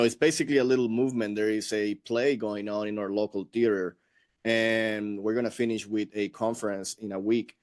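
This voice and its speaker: A middle-aged man from Venezuela with a Venezuelan Spanish accent, a Spanish speaker, telling his story as an interview guest in an earnest, reflective way. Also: fairly low pitch.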